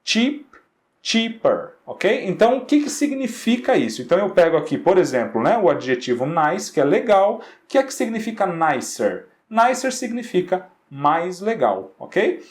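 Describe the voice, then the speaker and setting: A man teaching an English grammar lesson in Portuguese. He explains patiently, keeps checking in with short questions, and says English words slowly so they can be copied. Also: high-pitched, sing-song. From Brazil.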